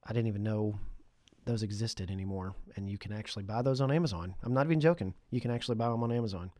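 A man's voice: on the low side, fast, darkish tone, no room sound. Stuffy-nosed guy doing a solo podcast, chatty and casual, dry close sound. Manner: chatty, conversational, lightly joking asides. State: stuffy nose, congested. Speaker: podcast host.

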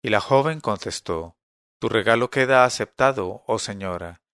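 A man reading a classic tale aloud in a calm, measured storytelling manner. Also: on the low side, clean tone, no room sound, studio quality. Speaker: narrator.

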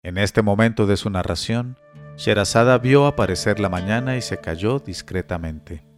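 A man reading a classic tale as a storybook narrator, steady and measured. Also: fairly low pitch, over music.

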